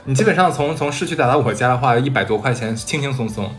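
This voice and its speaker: Brief: male co-host from Northeast China, mid pitch, very animated and quick. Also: soft background music. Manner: lively, expressive responses. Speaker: podcast co-host. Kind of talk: casual chat.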